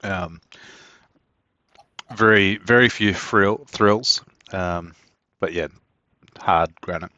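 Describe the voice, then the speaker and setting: A man's voice: low voice, takes it slowly, bright, forceful tone, no room sound. A man narrating as game master in a loose, hesitant way. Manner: loose, hesitant, laughs at himself. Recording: dull lo-fi dry mic.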